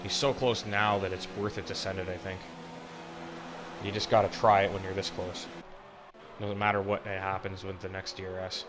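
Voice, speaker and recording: A low-pitched man with flat delivery provides casually worded live commentary on an online motorsport race as the lead voice. He talks at normal speed, and background noise can be heard.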